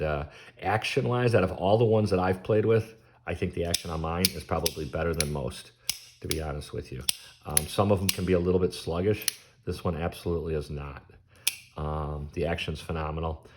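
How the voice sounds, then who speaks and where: Man, very low voice, casual sales vlog, chatty, lots of ums. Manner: relaxed, chatty, frequent ums, admiring. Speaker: knife collector selling his knives.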